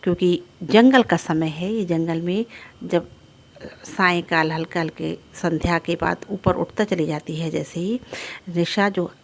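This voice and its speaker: A woman's voice: on the low side, measured pace, gravelly, slight background noise. A woman teaching a Hindi lesson, explaining a poem line by line and stacking up synonyms for each word. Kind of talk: explaining poetry in a class lesson.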